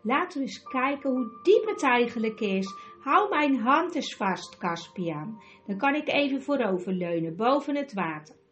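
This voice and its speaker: A woman voicing a bold, quick-witted young boy in a storybook reading, urgent and commanding. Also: a little high, animated, faint music behind. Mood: thoughtful.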